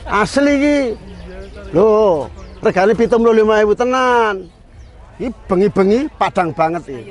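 High-voiced Javanese-accented market vendor man. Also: animated. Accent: Central Javanese. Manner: loud, joking, rapid counting and haggling. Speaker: street vendor selling lamps. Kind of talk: market sales patter, auctioning down prices. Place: outdoor animal market.

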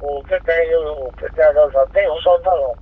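A man's voice: fairly high pitch, normal speed, husky. A man with a Brazilian accent, a patrol officer calling in to dispatch over police radio. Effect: two-way radio transmission. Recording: tinny narrow-band police radio.

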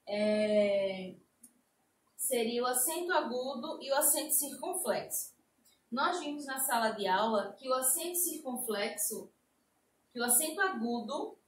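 A woman teacher with a Brazilian accent, slowly explaining a lesson to young children and drawing out her example words. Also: fairly high pitch, a bit bright, a little hiss or hum. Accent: Brazilian Portuguese. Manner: slow, sing-song explaining with drawn-out example words. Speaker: primary school teacher. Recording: echoey room, a bit distant mic.

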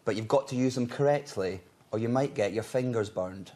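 A comedian presenting funny internet clips in a jokey, laughing manner. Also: male voice, medium pitch, a little fast, mellow. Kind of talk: casual chat.

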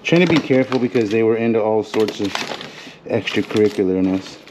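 Speaking on the low side and fairly fast, a storage auction reseller goes through boxes in an indoor metal storage container while talking to his camera. His narration is casual, chatty, and joking as he thinks aloud, and the background is noisy.

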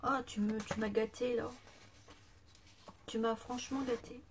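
There's a little hiss or hum as a woman with a fairly high voice unboxes gifts in a casual craft vlog. Her intonation is fairly even and her pace unhurried. Though her voice is failing, she gushes and exclaims, now and then sinking to a whisper.

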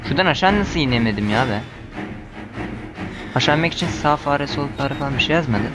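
A man's voice: a little high, lively intonation, fast talker. Turkish man muttering through a horror game. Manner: muttering to himself, bursts into panicked shouts when chased. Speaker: gamer. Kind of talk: horror game let's play commentary.

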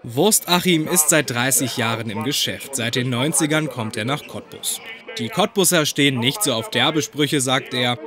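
A man's voice: mid-range voice, normal speed. Male reporter narrating over market bustle. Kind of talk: scripted narration of a light TV feature. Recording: busy market crowd behind voice-over.

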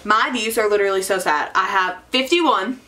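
A woman's voice: mid-range voice, moderate pace, sharp tone. A fifteen-year-old girl from Indiana with a Midwestern accent, hosting a casual cooking vlog in her home kitchen and rambling chattily with lots of fillers. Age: teen, 15. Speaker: vlogger host. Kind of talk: casual chat while cooking. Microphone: camera on the counter.

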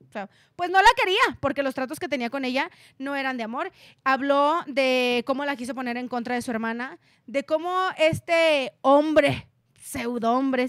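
A Mexican woman co-hosting a celebrity gossip chat, retelling a story in animated casual talk and acting out the quotes. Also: high voice, no echo, studio quality. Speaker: gossip show co-host.

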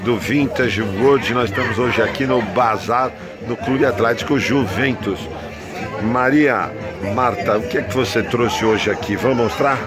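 Brisk man interviewing at a bazaar. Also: mid-range voice. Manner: brisk, prompting, says "legal" often. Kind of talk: casual interview. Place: indoor bazaar hall, busy. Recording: bazaar crowd and music behind. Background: crowd chatter and music.

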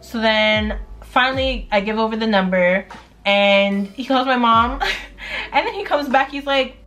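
A woman's voice: a little high, a little slow, fairly bright tone, dull audio, soft background music. A young adult woman vlogging at home, telling a personal story in a candid, chatty way, full of fillers and the odd swear word. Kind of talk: casual story time. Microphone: camera mic.

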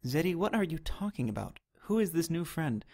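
A bewildered mother full of questions, read by a man in his fairly high voice. She sounds anxious and puzzled in this animated storybook. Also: a little fast, creaky, exaggerated voice. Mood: confused.

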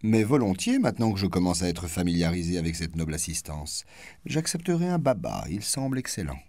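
A man's voice: low voice, very animated, brisk, a little mellow, dry recording. A man reading an audiobook, voicing an eager, playful male archivist.

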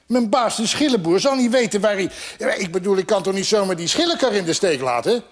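A man's voice: a little high, moderate pace, lightly acted. A man voicing an old, timid cart horse who talks in a bewildered, hesitant way. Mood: worried.

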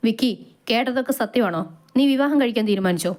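A woman's voice: on the high side, fast, darkish tone, lightly acted. A woman voicing a stern older father who speaks coldly and with scorn. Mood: scornful. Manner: scornful, firm.

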